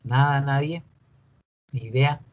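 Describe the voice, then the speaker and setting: A man teaching an English grammar class in Spanish, explaining slowly and patiently and putting questions to his students. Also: mid-range voice, dull audio. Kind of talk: online class lecture.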